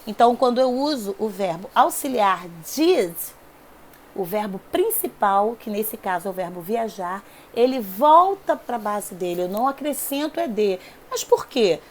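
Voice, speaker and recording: A woman's voice: mid-range voice, lively intonation, unhurried. A woman teaching an English grammar lesson, explaining rules step by step and checking in with her students often. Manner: patient, repeats rules, checks in with "tá?" and "ok?".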